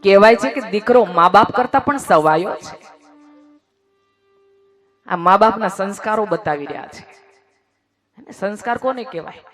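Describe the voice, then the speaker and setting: A woman's voice: medium pitch, expressive, normal speed, pauses often, soft background music. Woman telling a devotional story. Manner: emphatic, with moral asides to the audience. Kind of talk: religious storytelling sermon.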